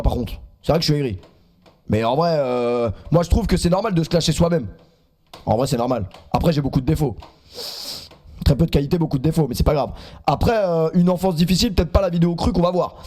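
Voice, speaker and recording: A man's voice: a little high, a little mellow. A man in his twenties streaming live, reacting to clips and chatting in a teasing, self-mocking way.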